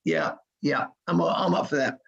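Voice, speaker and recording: An older man with a hoarse voice that is giving out, chatting casually as a guest. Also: fairly high pitch, fairly even intonation, unhurried, a bit bright. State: hoarse, losing his voice. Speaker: guest, football goalkeeping coach. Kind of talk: casual chat. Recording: dull, muffled call audio.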